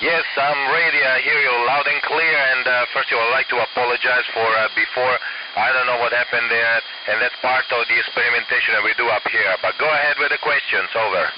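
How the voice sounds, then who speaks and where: A man answering questions as an astronaut over a ham radio link. He talks haltingly with many fillers and ends each answer with "over". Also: medium pitch, fairly even intonation. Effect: ham radio transmission, walkie-talkie style. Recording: lo-fi radio link with loud static.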